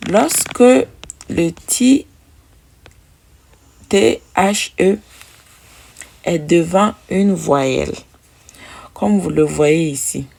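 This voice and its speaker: Slow, gravelly-voiced woman teaching pronunciation. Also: lowish voice, a little mellow. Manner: slow, patient, repeating sounds for drilling. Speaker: English teacher. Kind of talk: pronunciation lesson.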